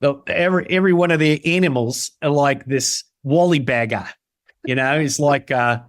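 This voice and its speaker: A man's voice: mid-range voice, moderate pace, close to an everyday voice. A man putting on a jokey, exaggerated Australian accent as a cheerful, laid-back bloke. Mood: playful. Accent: mock Australian. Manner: silly, over-the-top, laughing.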